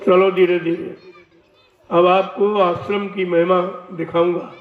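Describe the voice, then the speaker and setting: A spiritual teacher delivers a slow devotional sermon full of warnings to his listeners, his voice high yet flat. He stands some distance from the mic, and the dull, lo-fi recording carries heavy echo from a large hall.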